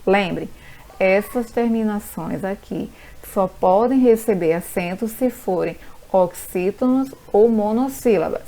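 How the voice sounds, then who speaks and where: Brazilian woman teacher, mellow tone, patient list-by-list lesson delivery. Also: medium pitch, low-quality recording. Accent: Brazilian Portuguese. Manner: slow, patient, spells out examples one by one. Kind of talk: recorded grammar lesson.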